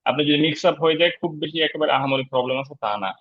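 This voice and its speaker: Male teacher, online class, explanatory and unhurried, dull dry sound. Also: a little high, dry recording. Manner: relaxed, explanatory, frequent fillers. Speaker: English teacher. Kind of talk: online lecture on pronunciation. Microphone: video call.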